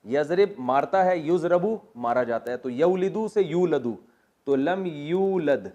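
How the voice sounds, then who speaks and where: A religious teacher with a Pakistani Urdu accent gives a classroom lesson on Quran grammar, explaining step by step, quizzing students, and cracking jokes. His voice is on the high side with lively intonation and a dark tone, and the highs are cut off.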